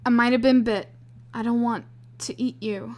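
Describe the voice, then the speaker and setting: A woman reading aloud, voicing a frightened, squeamish young woman in urgent, near-shouting bursts. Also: a little high, steady tone, normal speed, close to an everyday voice. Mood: panicked.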